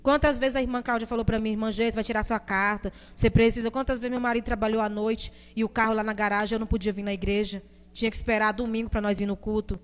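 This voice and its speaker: A woman's voice: a little high, little pitch movement, fast talker, clean tone, big-room sound. A middle-aged Brazilian woman giving an emotional testimony to a church congregation, speaking straight to the brothers and sisters. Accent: Brazilian Portuguese. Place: church hall.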